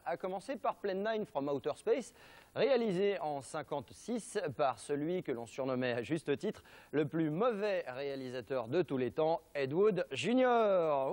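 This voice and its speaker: A man's voice: a little high, a little mellow. A man with a French accent hosting a television show, presenting film history with an ironic, mock-serious delivery and jokey asides.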